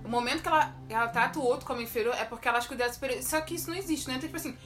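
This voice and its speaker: A young woman chatting with friends, her voice high and her words tumbling out very fast. She is animated and laughs often. Music plays clearly in the background. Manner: rapid, animated, laughs a lot. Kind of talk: casual chat.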